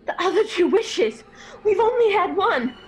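Woman acting a high-voiced, desperate grieving old mother. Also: sing-song, measured pace, soft background music, exaggerated voice, low-quality recording. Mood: feverish, demanding. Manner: intense, imploring, theatrical. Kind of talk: radio horror drama acting.

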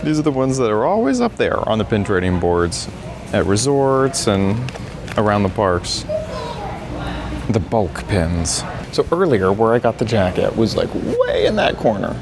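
A man vlogging casually as he walks through a large indoor antique mall, excitable and exclaiming often, recorded on a handheld camera. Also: fairly low pitch, background noise. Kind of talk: casual walk-around vlog. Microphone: handheld camera held while walking.

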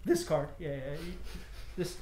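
A man in his thirties, a magic shop owner, talking casually about his shop and doing card-trick patter with playful, deadpan jokes. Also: a little high, moderate pace. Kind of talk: casual demonstration and interview. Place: inside a small shop, indoors. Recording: echoey shop room with faint background noise.

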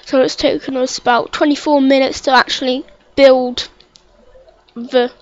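A woman's voice: sits high, level tone, measured pace. A woman giving casual, stammering narration of a let's play, repeating words and chatting to the game as she plays. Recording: dull lo-fi mic with faint hiss.

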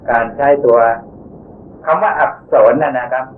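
A man giving an unhurried, explanatory Buddhist dharma lecture who keeps adding polite particles to the ends of his sentences. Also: medium pitch, animated. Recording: tinny phone-like recording with faint hiss.

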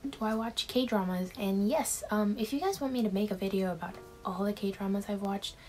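A woman's voice: mid-range voice, normal speed, darkish tone, faint music behind, rough recording. A woman in her twenties from Taiwan, chatting casually to camera in a Q&A vlog from her bedroom, with frequent fillers and little laughs. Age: 20s. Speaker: vlogger.

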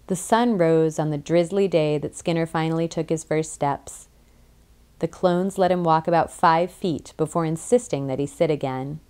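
A woman reading a novel aloud as an audiobook narrator, measured and vivid. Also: deep voice, darkish tone, clean tone. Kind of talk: scripted narration.

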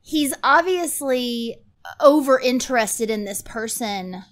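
A woman's voice: a little high, expressive. A woman in her thirties co-hosting a film podcast, chiming in eagerly from a small home studio into a desk mic. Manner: eager, agreeing, quick to chime in. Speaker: podcast co-host. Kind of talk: casual film discussion. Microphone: desk microphone.

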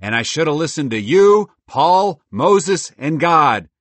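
A man doing a loud, boastful talking squirrel. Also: a little high, sing-song, slow pace, dry recording, voice pushed up, heavily acted. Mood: chatty excited. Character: chatty, bold male squirrel, small and cheerful. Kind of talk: storybook voice acting.

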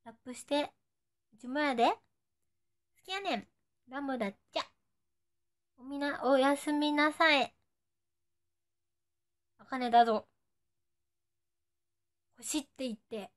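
A woman's voice: high voice, a little slow, pauses often. A playful young woman with a Nagoya accent, chatting on a live stream and saying short cutesy phrases that fans ask for. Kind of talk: casual live stream chat.

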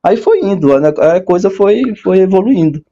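Lively man acting out his own story. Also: moderate pace, muffled recording. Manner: animated storyteller, acts out quoted dialogue with big pitch jumps. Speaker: guest, court clerk. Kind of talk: casual storytelling interview.

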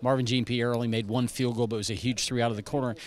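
A male sports interviewer asks post-game questions at a quick clip, his pitch sitting in the middle range. His questions come out brisk and rehearsed. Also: level tone. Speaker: sideline interviewer.

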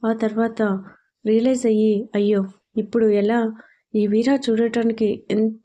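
A woman's voice: on the high side, level tone, a little slow, mellow, close to an everyday voice. A woman reading as a playful, teasing young heroine. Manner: chatty and mischievous. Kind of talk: storybook audio drama reading.

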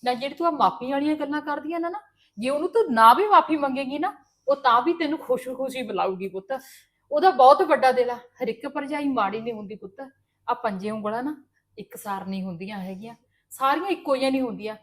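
Family drama mother played by a woman, Punjabi accent, high voice, earnest lecturing tone. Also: animated, fast. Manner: earnest, gently lecturing, calls her daughter "son". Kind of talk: scripted family drama acting.

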